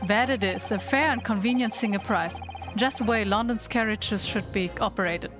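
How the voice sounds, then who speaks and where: A woman's voice: medium pitch, normal speed, close to an everyday voice. A woman voicing a pompous, indignant male guildmaster of coachmen in a video game, with blustering delivery. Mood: self-satisfied. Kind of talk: amateur voice acting of game dialogue. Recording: game music behind the voice.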